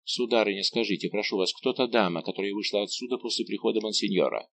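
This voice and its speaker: A man reading an audiobook voices a loyal secretary who speaks in a hurried, worried way. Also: fairly low pitch, gravelly, fairly bright tone. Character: anxious, loyal male secretary.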